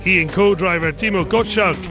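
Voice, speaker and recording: Male voice-over narrator, high-ish tone, measured scripted sports read over music.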